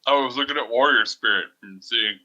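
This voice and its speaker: A man's voice: medium pitch, brisk, bright, forceful tone, lo-fi sound. A man playing a tabletop game online, laid-back and chuckling as he checks rules. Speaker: player. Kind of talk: casual tabletop game chat.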